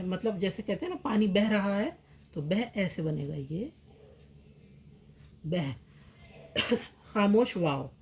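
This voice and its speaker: A woman teaches script in an unhurried lesson. Her voice sits at a middle pitch, and she goes very slowly. She repeats every example word two or three times while she writes. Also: darkish tone. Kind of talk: slow step-by-step language lesson.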